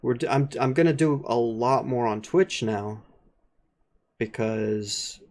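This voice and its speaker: A man's voice: medium pitch, slow, darkish tone, a little hiss or hum. Crude joking young man. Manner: crude, joking, swears a lot. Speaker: podcast co-host. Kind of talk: casual podcast chat.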